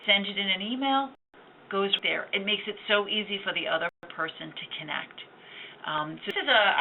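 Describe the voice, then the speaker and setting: A woman giving a conversational, upbeat training talk on networking, explaining with examples. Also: mid-range voice. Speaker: workshop presenter. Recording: tinny lo-fi recording with faint noise.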